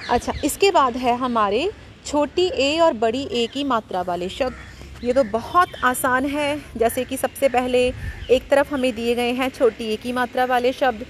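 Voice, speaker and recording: A woman's voice: high voice, slight background noise. A woman teacher, patiently explaining letters to pupils she calls 'beta', stretching out each example word. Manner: addresses pupils as 'beta', drawn-out example words, reassuring. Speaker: Hindi teacher. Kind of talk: slow, patient classroom explanation. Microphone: audio recording for students.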